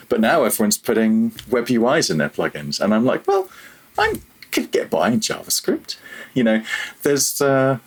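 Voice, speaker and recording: A man with a low voice and a breathy edge talks casually as a podcast guest. He works as a freelance audio programmer and comes across as reflective and self-deprecating about himself.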